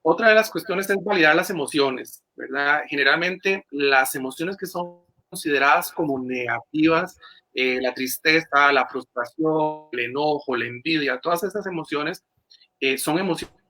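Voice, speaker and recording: A man's voice: a little high, moderate pace, pushed and bright. A man, a clinical psychologist explaining things in an interview with many fillers and restarts, over a video call. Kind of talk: interview answers.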